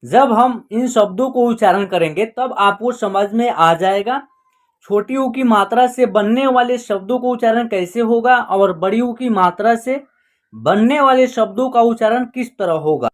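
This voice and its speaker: A woman teaching Hindi reading online. She explains patiently and repeats herself, drawing out single syllables one by one and often adding the filler "jo hai na". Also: a little high. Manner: patient, repetitive, slowly sounding out syllables. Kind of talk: explanatory lesson narration.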